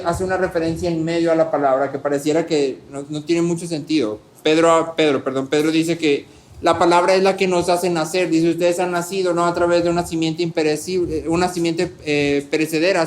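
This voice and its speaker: A man preaching a sermon as a pastor, animated, asking rhetorical questions and swinging between soft and loud delivery. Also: fairly high pitch.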